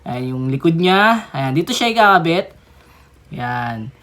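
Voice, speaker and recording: A young woman giving casual unboxing commentary on a figure, chatty, with excited exclamations and little giggles. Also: low voice, a little slow. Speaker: toy reviewer.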